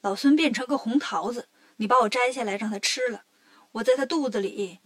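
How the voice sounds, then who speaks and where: A woman voicing a cheeky, clever male monkey king in a storybook reading, talking in a brisk, joking way. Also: on the high side, lightly acted.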